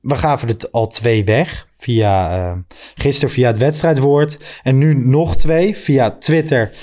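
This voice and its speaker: Relaxed man hosting a podcast. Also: mid-range voice, measured pace. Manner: reads listener messages aloud, relaxed. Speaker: podcast host. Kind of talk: casual podcast chat.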